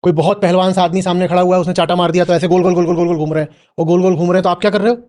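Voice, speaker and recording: Guy lecturing a crowd, fairly high voice, keeps poking them with questions. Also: flat delivery, very fast, darkish tone. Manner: questioning, prods listener with "hmm?". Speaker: spiritual teacher answering an audience member. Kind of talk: spoken Q&A discourse.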